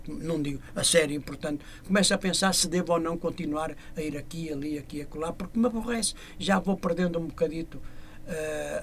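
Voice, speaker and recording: A man's voice: on the high side, slight background noise. A man from Porto with a northern Portuguese accent, a fado singer chatting in an interview, often repeating words as he searches for them. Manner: hesitant, repeats words and restarts, then recites verse. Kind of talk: casual interview chat.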